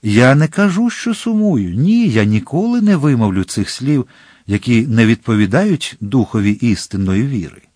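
A man's voice: medium pitch, sing-song, moderate pace, a little mellow, no echo, clean studio sound. A man voicing a courteous, subtly vain young man who argues his theology politely in an audiobook. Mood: polite earnest. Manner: courteous with a hint of irritation.

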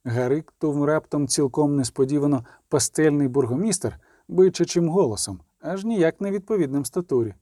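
A man narrating a story in an expressive, dramatic way. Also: a little high, moderate pace, hardly any pauses, no room sound, studio quality. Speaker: audiobook narrator. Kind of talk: storybook reading.

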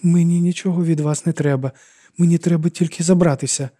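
A woman's voice: fairly low pitch, steady tone, a little fast, mellow, no room sound, studio quality, pitched above the performer's own voice, close to an everyday voice. A man voicing a terrified young woman who pleads and screams to get away, in an audiobook reading. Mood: frightened pleading.

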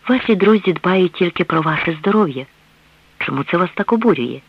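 A stern, commanding priest, voiced by a man, who speaks slowly and cuts others short. His tone is firm and severe. The sound is a dull, dry radio recording. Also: fairly high pitch, dry recording, natural voice. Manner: slow, stern, curt.

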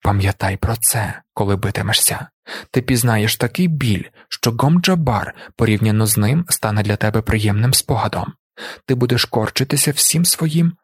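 A man's voice: fairly low pitch, lively intonation, moderate pace, breathy edge, no echo, clean studio sound. A man reading the lines of a fierce, protective noble mother in an audiobook, with a cold, threatening manner.

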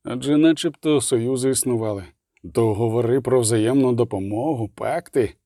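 A man voicing a calm, terse witcher who asks level questions. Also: mid-range voice, moderate pace, dry recording, studio quality, natural voice.

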